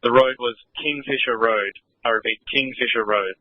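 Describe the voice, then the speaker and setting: A man's voice: medium pitch, moderate pace, dry recording. Man over walkie-talkie, dull dry radio sound. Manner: clipped procedural call-sign talk. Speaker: firefighting radio operator. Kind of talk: fire service radio traffic. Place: two-way radio transmission.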